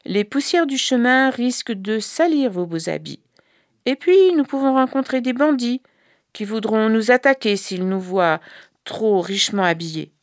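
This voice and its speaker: A woman's voice: a little high, animated, unhurried, dry recording, clean studio sound, pitched above the performer's own voice. A woman voicing a humble mother disguised as a beggar, speaking in a plaintive, pleading voice. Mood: persuasive.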